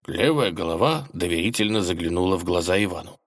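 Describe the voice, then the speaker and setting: A man narrating a fairy tale in a playful, expressive reading style. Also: low-pitched, quick pace. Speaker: storyteller.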